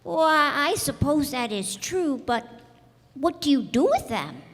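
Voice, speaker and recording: A woman's voice: high-pitched, animated, measured pace, a bit bright, exaggerated voice. A woman playing an earnest, curious little boy prince from another planet in a radio play, persistently asking questions. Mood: curious, insistent. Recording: echoey hall, music behind.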